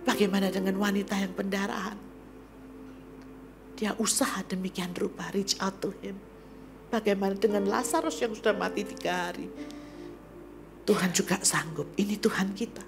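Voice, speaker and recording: A middle-aged woman evangelist preaching a sermon to a church congregation. She swings from loud exclamations to hushed whispers. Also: medium pitch, steady tone, moderate pace, creaky, music in the background. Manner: often addresses the congregation as "saudara". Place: church service.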